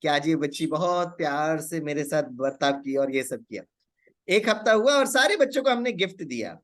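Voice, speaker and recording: A middle-aged man giving a storytelling talk at a spiritual session. His voice sits high for a man. He slips into slow, deliberate English phrases between Hindi sentences. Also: expressive, a bit bright. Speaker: spiritual speaker.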